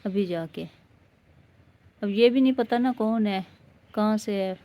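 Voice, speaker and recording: A woman's voice: mid-range voice, warm tone. A woman from Pakistan in a casual home vlog who talks worriedly, asks questions and repeats herself. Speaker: vlogger's wife.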